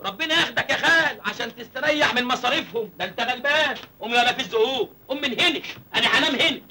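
A penniless young Egyptian village man who whines and cracks jokes. His voice sits high and runs quick. It sounds like an old film soundtrack with a light hiss. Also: pushed and bright, full character voice. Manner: cheeky, whiny, wisecracking. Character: cheeky penniless village man, mid-twenties. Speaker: film actor. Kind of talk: 1980s film comedy acting.

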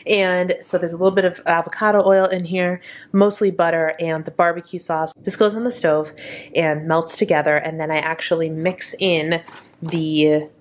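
A home cooking vlogger narrates a casual cook-along in her kitchen, her voice fairly low with even intonation at a normal pace. She's chatty and upbeat and laughs at her own slip-ups. A camera over the counter keeps her hands in frame and picks up a little hiss or hum.

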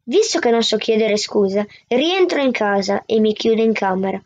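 Brief: woman reader, higher voice, steady first-person narration, dry muffled audio. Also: normal speed, no room sound. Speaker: book reader. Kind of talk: reading a novel aloud. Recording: dull, dry lo-fi sound.

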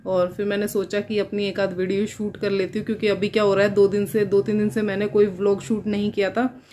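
A chatty mother vlogs from her home kitchen, talking to her phone camera in an easy, everyday way. She laughs often and slips into playful cooing when she turns to her kids. Her voice sits at a middling pitch, with a faint hiss of noise behind it. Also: flat delivery, brisk, warm tone. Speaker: vlogger and mother. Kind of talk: casual home vlog chat.

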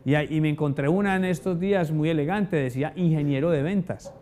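A sales trainer with a fairly high, fast voice delivers a motivational sales lesson to an audience. He's an animated storyteller who peppers his talk with rhetorical questions.

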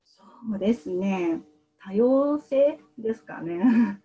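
Soft-spoken woman, dull lo-fi sound. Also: a little high, lively intonation, takes it slowly. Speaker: guest, medical translator. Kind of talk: interview answers.

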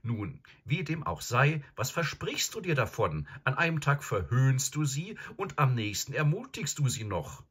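A man voicing a stern eldest brother in a storybook reading, scolding forcefully. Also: sits low, very animated, moderate pace, hardly any pauses, husky, exaggerated voice. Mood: angry.

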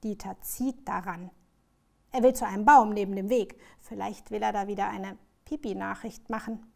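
A woman author reading her children's book aloud in a lively, expressive storyteller's manner. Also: medium pitch, moderate pace, creaky.

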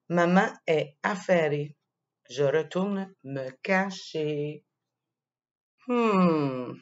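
In a dull, lo-fi recording, a Quebec French-accented woman with a fairly low voice narrates a children's story. She takes her time, stays playful and expressive, and lets out small laughs along the way.

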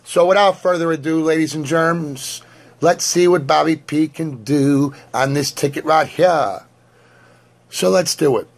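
A man hosting his own lottery ticket vlog from his home, hoarse from having lost his voice, talking in a crude, jokey, wordy showman manner. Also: on the high side, steady tone, measured pace. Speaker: host.

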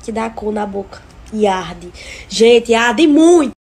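A young Brazilian woman in her twenties, an influencer, tells casual vlog stories to her followers from her living room and kitchen, holding the phone at arm's length. Her voice is on the high side, slow and slightly rough, and she sounds sick with a cold. She's chatty and breezy, getting animated when she vents.

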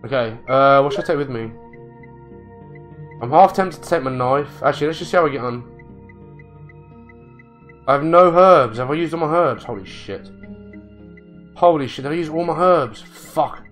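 A man commenting on his own gameplay, muttering to himself, swearing and getting excitable. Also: on the high side, moderate pace, pauses often, soft background music. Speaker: let's play gamer.

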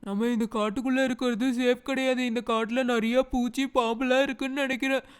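A woman's voice: on the high side, little pitch movement, quick pace, clear, resonant tone, natural voice. A woman voicing a cartoon camp leader who bosses the other children around and watches over them. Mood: protective.

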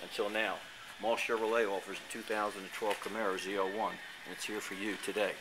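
A man with a lowish voice delivers an eager sales pitch, reeling off car figures one after another. He is recorded on a handheld camera in a showroom, with clear room noise all around him. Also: flat delivery, fairly quick. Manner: enthusiastic, reciting specs. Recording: noisy showroom ambience.

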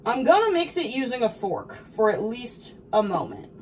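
Woman playing high-voiced, sweet Princess Peach. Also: sing-song, moderate pace, darkish tone. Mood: thoughtful, instructive. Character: sweet, cheerful young video game princess baking. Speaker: host of a baking video. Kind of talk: in-character cooking tutorial. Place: small home kitchen, indoors. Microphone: camera a few feet away. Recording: distant mic, noticeable background noise.

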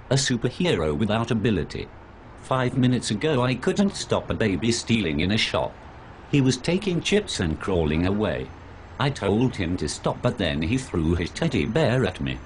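A man's voice: fairly low pitch, a little hiss or hum. A man playing a failed superhero in a dramatic, sorrowful monologue full of self-pity. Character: self-pitying, tearful failed male superhero.

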